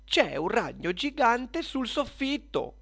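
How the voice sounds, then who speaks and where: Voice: medium pitch, takes it slowly, gravelly, voice pushed up, full character voice. A storyteller voicing a girl who scoffs at a spider, then screams for her mother, in a children's storybook reading. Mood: alarmed. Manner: calm then shrieking.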